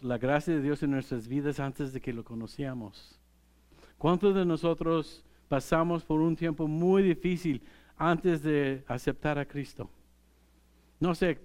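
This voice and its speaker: Slow-speaking pastor, smooth voice. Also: male voice, on the high side, darkish tone. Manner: unhurried, conversational preaching with light laughs. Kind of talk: sermon.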